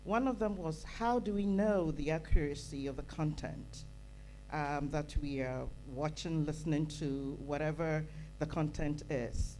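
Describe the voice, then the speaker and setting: A woman's voice: low-pitched, unhurried, warm tone, a little hiss or hum, poor audio. A woman from Ghana, speaking earnestly from the floor at a conference, repeating phrases for emphasis. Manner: earnest, emphatic, builds with repetition. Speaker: audience member at a conference. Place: conference hall. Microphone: handheld microphone.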